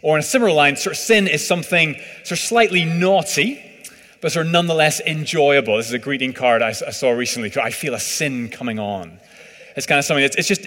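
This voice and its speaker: A man's voice: fairly high pitch, pushed and bright. A man preaching a sermon in a conversational, hesitant way, full of fillers. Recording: reverberant hall.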